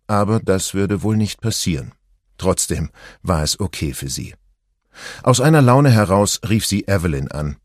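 Cast: male audiobook narrator, calm and even, low voice, dry booth sound. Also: normal speed, dry recording. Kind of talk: scripted narration.

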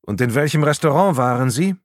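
Cool detective, dry questions, unhurried, read by a man. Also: medium pitch, animated, no echo, voice pushed up, close to an everyday voice. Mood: probing. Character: calm probing male police detective.

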